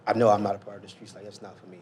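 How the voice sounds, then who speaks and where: A man in his thirties from Newark, talking in a halting, soft-spoken way as a guest on a casual chat podcast, often trailing off quietly. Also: lowish voice, level tone. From Newark, New Jersey. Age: 30s. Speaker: guest designer.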